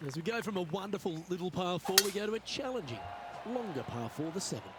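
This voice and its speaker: A man giving golf commentary as lead announcer, in understated, measured remarks on play. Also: high-pitched, lively intonation, very noisy.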